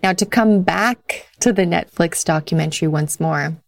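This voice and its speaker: A woman with a slightly low voice and plenty of vocal fry hosts a solo self-help podcast. She gives advice in an earnest, encouraging manner. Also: moderate pace. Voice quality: creaky. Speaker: podcast host.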